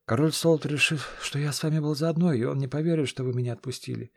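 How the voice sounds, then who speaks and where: A man voicing a young, sly red-haired runaway who talks in a high, eager, imploring way. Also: fast, vocal fry, a little mellow, no room sound, studio quality.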